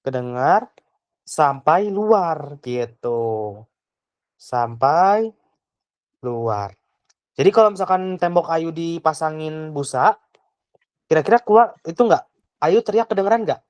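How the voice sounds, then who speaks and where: Patient young tutor, dry sound. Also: female voice, deep voice, expressive, takes it slowly, long pauses, a little mellow, dry recording, highs cut off. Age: young adult. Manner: patient, asks many questions, trails off with "gitu". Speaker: private tutor. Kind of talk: online tutoring lesson.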